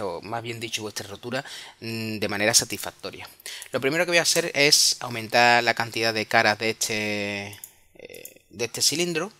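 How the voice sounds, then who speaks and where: A man from Spain with a Spanish accent, explaining software step by step in a screen-recorded tutorial, often correcting himself and checking in with tag questions. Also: medium pitch.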